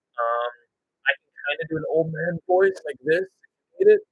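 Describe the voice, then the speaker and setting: A man talks with his viewers in a loose, joking way during a casual livestream. His voice sits a little high. The audio is dry and somewhat dull, as from a close desk mic. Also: normal speed, slightly rough, no echo. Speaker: livestreaming stop-motion creator.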